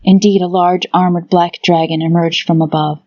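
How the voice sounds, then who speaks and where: A woman's voice: on the low side, flat delivery, moderate pace, warm tone, dull audio. A woman narrating a fantasy audiobook in a scripted, dramatic storytelling style.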